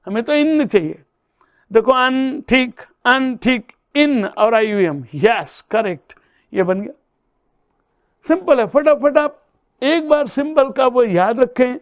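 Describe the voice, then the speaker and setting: Slow, high-voiced man teaching chemistry. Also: clear, resonant tone, no room sound. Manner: addresses students as "beta", checks each step aloud. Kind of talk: exam-prep lesson solving problems.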